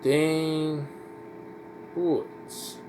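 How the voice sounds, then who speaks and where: Speaking very slowly with a fairly high, level voice, a Brazilian man gives a casual history class, repeating points and checking on students with "certo?" and "tá?". His accent is Brazilian Portuguese, and heavy background noise fills this informal recorded lecture.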